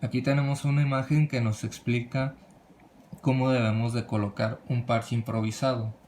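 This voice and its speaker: A man presenting a medical lesson from slides, reading in a halting way with frequent restarts and cut-off words. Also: medium pitch, flat delivery, a little mellow, a little hiss or hum.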